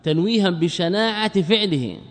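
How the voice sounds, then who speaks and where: A man teaching a religious text as a sheikh, lecturing quickly and asking his students questions he then answers himself. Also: high-pitched, long reverb tail.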